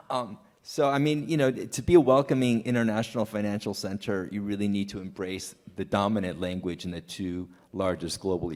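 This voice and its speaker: A man's voice: low voice, a little mellow, big-room sound. A man from Taiwan speaking as a conference panelist in an earnest, conversational way with frequent restarts. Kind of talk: panel discussion.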